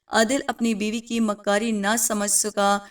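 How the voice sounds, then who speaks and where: A woman's voice: medium pitch, little pitch movement, recorded from a distance. A woman storyteller narrating a moral story with emotional, dramatic storytelling.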